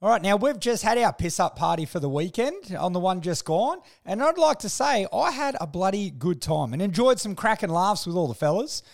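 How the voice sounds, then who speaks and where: A man's voice: sits high, very animated, a little fast, gravelly, hardly any pauses. A man with an Australian accent hosting a podcast in slangy, sweary, blokey tradesman style, telling stories casually and comically. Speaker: podcast host. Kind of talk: casual comic monologue and storytelling.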